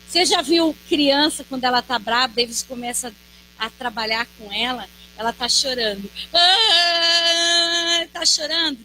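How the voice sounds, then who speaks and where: A woman preaching a sermon, animated and acting out the voices she quotes while addressing the congregation as brothers and sisters. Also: high-pitched, a little hiss or hum, rough recording.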